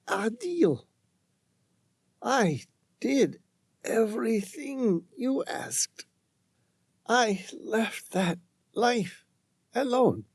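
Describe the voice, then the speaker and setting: A man putting on a desperate woman scientist freezing to death, her voice pitched high, slow and halting. She pleads in soft, broken phrases with wide swings of pitch. Dry, close audiobook sound. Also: no room sound, full character voice. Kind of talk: audiobook narration.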